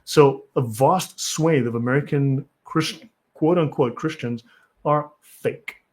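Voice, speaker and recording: This South African streamer takes it slowly in a darkish, middle-pitched voice as he reads articles aloud and answers the chat. His tone is blunt and lecturing, with little patience.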